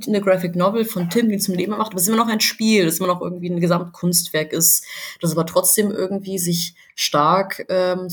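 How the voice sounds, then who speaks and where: A woman from southern Germany talks through her ideas on a casual games podcast. Her voice is a little low and husky, and she rambles along with plenty of fillers and slang.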